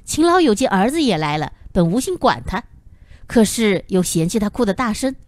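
Woman, audiobook narrator, expressive storytelling, lively pitch, dry close sound. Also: moderate pace, no room sound. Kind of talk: scripted novel narration.

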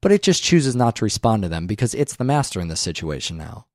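A man co-hosting a film podcast in a casual, animated way. His voice sits on the low side and sounds dry and close to the mic. He swears freely and slips into quick voices to act out scenes. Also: no echo. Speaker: podcast co-host.

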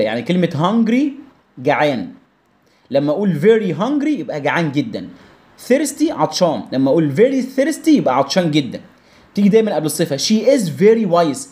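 Fast, lively Egyptian teacher man. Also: fairly high pitch. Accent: Egyptian Arabic. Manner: drills pronunciation with repetitions and rhetorical questions. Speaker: English teacher. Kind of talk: online lesson explaining vocabulary.

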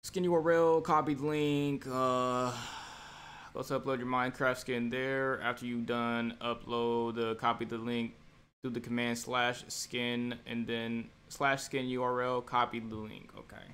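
A man's voice: medium pitch, level tone, measured pace, a bit bright. A man streaming a Minecraft roleplay, chatting casually with his viewers between playing a character. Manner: chatty, jokey, talks to chat while playing.

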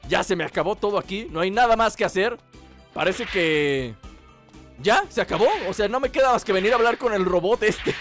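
A man's voice: sits high, animated, a little fast, fairly bright tone, soft background music. A man giving playful, teasing gameplay commentary, swearing casually. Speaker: gaming channel host.

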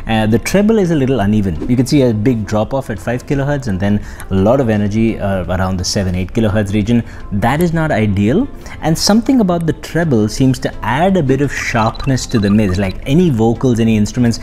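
A male tech reviewer talking in a relaxed, conversational way, his pitch swinging widely as he makes his points. He breaks off for joking asides about himself, with soft music under his voice. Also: a little fast. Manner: chatty, self-deprecating asides. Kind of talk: casual product review.

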